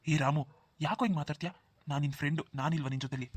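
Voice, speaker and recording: A man voicing a brisk, reassuring rich friend. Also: on the high side, fairly even intonation, slightly rough, no echo. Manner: brisk, dismissive of worries, hushing. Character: well-off generous young village man, reassuring. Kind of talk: Kannada cartoon dubbing.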